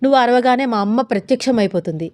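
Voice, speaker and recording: A woman's voice: fairly high pitch, lively intonation, fast, a little mellow, lightly acted. A woman voicing a playful, amorous young husband who teases his wife. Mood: mock scolding. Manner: coaxing, teasing.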